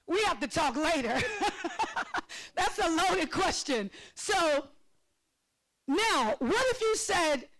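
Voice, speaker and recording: Very high-voiced excitable woman presenter. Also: takes it slowly, pauses often, poor audio. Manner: lively, calls on audience members by name; excitable, laughs often. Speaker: financial literacy workshop presenter. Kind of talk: interactive workshop teaching.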